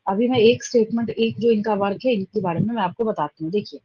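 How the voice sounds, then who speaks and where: A woman teaching a classroom lecture, explaining step by step, dictating terms slowly, and checking that students follow. Her English terms carry an Indian accent. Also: mid-range voice, slightly rough, dry recording, dull audio. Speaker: biology teacher.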